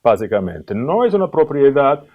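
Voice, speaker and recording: A man presenting at an academic conference, explaining in a thoughtful, questioning way with frequent pauses and filler sounds. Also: mid-range voice, sing-song, narrow, tinny audio. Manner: analytical, questioning tone.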